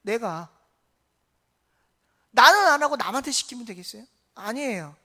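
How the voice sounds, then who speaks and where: Male pastor preaching in church; lively, call-and-response questions, loud-to-hushed swings. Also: extremely high pitch, moderate pace. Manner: lively, asks the congregation questions; swings between loud emphasis and soft, hushed remarks. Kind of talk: sermon. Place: church sanctuary.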